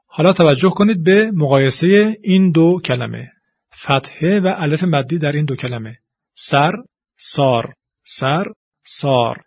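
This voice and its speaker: A man teaching Quran recitation, explaining vowel pronunciation and demonstrating the sounds slowly and deliberately. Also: a little high, husky, no room sound. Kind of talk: explanatory tutorial with spoken examples. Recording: dull lo-fi audio.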